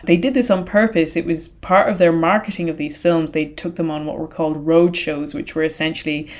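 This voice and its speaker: Lowish woman's voice, podcast co-host musing out loud, lots of restarts. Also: steady tone, a little fast. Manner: thoughtful, wandering sentences with frequent restarts. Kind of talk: casual conversational podcast chat.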